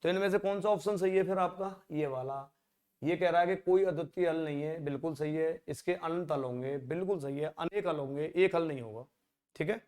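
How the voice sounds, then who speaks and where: A man teaching exam-prep maths, his voice sitting a little high. He talks to the class conversationally, throwing out rhetorical questions and muttering quietly as he works through the sums. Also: brisk. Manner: conversational, rhetorical questions, drops to a low mutter when working.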